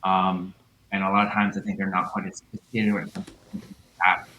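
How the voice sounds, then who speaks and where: A man's voice: low voice, fairly quick, poor audio. A man talking casually in a panel discussion over a video call, his audio glitching and cutting out. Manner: relaxed, conversational, fillers and hedges. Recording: video call line with faint noise.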